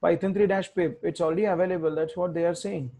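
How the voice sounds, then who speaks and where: A man's voice: high voice, fairly even intonation, quick pace, gravelly, dark tone. A man teaching a live coding tutorial, thinking aloud and correcting himself as he types commands. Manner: thinks aloud, self-correcting, mutters while typing. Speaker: tech instructor.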